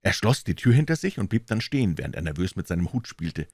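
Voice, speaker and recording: A man reading a crime story aloud as narrator, in a low, calm and measured way. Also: slightly rough, dry recording, clean studio sound. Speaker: audiobook reader.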